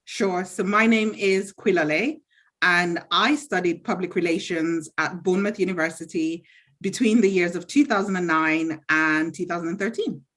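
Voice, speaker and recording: Low-voiced woman from Zambia, chatty. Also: moderate pace, fairly bright tone. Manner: chatty, self-assured, reflective. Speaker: interviewee, university graduate. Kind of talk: casual interview answers.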